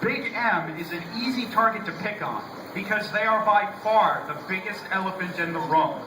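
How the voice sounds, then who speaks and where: At a rainy outdoor rally, a high-pitched American man who serves as a state representative delivers prepared remarks at normal speed. Loud-voiced, he sounds conversational and hesitant early on. The audio comes from a distant public-address system, echoey and heavy with noise.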